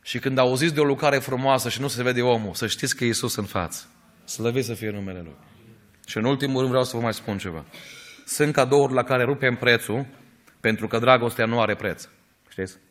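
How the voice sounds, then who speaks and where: A man preaching a sermon in an earnest storytelling way, rising at times to emphatic, louder peaks. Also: mid-range voice.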